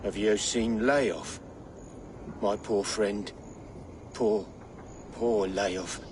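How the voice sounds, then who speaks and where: An actor playing a simple-minded gravedigger in a video game, mournful and repetitive, speaking like a child. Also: male voice, lowish voice, steady tone, drawn-out words. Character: simple-minded, sorrowful gravedigger who mourns his friend. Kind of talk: video game character acting. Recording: clear background noise.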